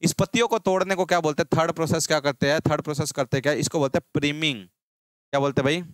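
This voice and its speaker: Brisk male tutor drilling terms. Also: a little high, steady tone, clear, resonant tone, dry recording. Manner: drills terms with repeated call-and-response questions. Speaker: agriculture teacher. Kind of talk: exam-prep lecture.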